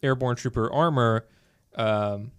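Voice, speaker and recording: Man, podcast co-host, casual chat, filler-heavy, middle pitch, dry close sound. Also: slow, clear, resonant tone, no room sound. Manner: animated, filler-heavy geeky talk.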